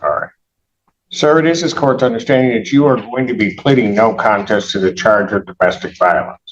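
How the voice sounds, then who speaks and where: A man serving as judge, speaking in a measured, formal way through court proceedings, heard in a courtroom recording. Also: fairly low pitch, crowd noise. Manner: measured, formal, reads plea terms aloud. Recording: muffled courtroom recording with faint clicks.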